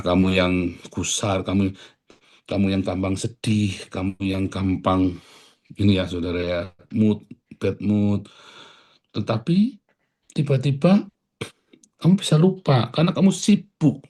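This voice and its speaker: Animated male preacher, loud-then-soft sermon. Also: deep voice, unhurried, pauses often. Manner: animated preaching, swings between loud bursts and quiet asides; casual street slang mixed into preaching. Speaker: pastor.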